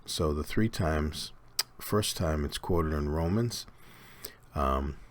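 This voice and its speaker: Very deep-voiced man teaching Bible study. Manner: unhurried, conversational, with fillers and restarts.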